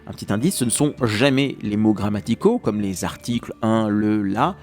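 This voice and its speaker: A man giving an exam-prep lesson on verse rhythm, lively and scanning lines aloud while counting the beats. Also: fairly low pitch, normal speed. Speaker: French literature teacher.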